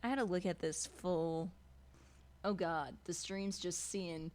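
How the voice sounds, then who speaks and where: Chatty woman game master, low-ish voice. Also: fairly even intonation, slow, darkish tone. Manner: chatty, self-deprecating, filler-heavy. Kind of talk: live-streamed tabletop game narration.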